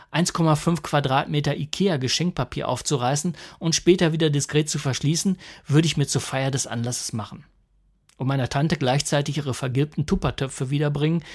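A man with a husky voice narrates a humorous first-person story. His telling is dry and wry, and his voice sits at an ordinary middle pitch.

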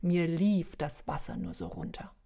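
Slow, low-voiced woman telling a story. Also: sing-song, warm tone. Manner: wry, unhurried storytelling. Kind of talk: first-person story reading.

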